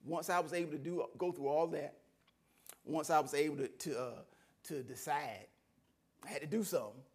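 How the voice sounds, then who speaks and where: A middle-aged man, a minister, giving a sermon testimony, animated in his storytelling, laughing often and swinging between near-shouts and low asides.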